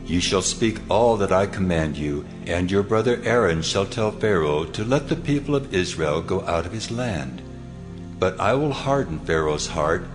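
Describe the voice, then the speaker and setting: An actor playing God as a solemn, authoritative and measured divine voice in a dramatized scripture reading. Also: male voice, deep voice.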